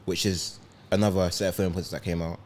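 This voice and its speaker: A young man with a low voice, talking in a relaxed way as a podcast co-host. He describes things in careful detail. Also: fast talker. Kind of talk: casual chat.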